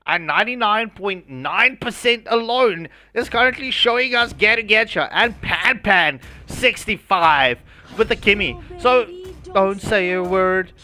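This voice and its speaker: A man's voice: sits high, lively intonation, unhurried, sharp tone, a little hiss or hum. A man with a South African accent casting an esports match live, joking and laughing between play calls. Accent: South African English. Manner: jokey and self-mocking, laughs between calls. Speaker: esports caster.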